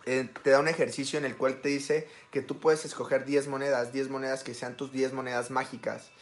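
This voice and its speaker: Young man, Mexican Spanish accent, casual motivational talk, quick and chatty, checks in with the listener often, mid-pitched voice. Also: flat delivery. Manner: fast, conversational, keeps checking in with the listener. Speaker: self-help speaker.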